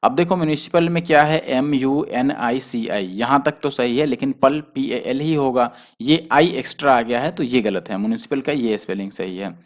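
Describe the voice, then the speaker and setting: A man teaching a spelling lesson for exam students, who explains patiently and spells words out letter by letter. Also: medium pitch. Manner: explains patiently, spells letters out slowly, often adds "theek hai". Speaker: exam prep tutor.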